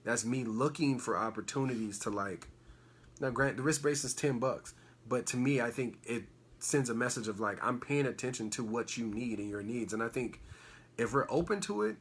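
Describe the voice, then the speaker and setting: A man from Los Angeles co-hosting a podcast, giving advice in a relaxed, casual way full of fillers. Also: mid-range voice, moderate pace, slightly rough. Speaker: podcast co-host. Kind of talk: casual chat.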